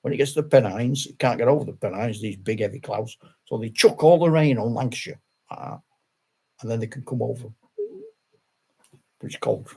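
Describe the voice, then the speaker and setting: In a rough recording, an older wargaming channel host from Yorkshire talks briskly to camera in a rambling, self-deprecating monologue full of chuckles. His medium-pitched voice is creaky, mellow and husky, and he pauses often.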